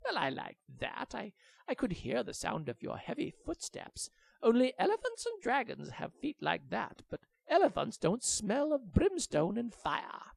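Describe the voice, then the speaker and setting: A man voicing a wise, calm old blind male monkey in a spoken story. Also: extremely high pitch, unhurried, gravelly, voice pushed up, exaggerated voice. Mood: amused.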